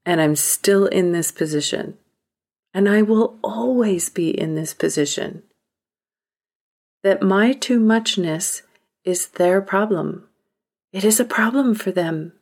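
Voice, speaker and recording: A woman hosting a podcast, speaking a reflective monologue in a deliberate, emphatic way that sometimes drops to a whisper. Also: medium pitch, darkish tone. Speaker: podcast host.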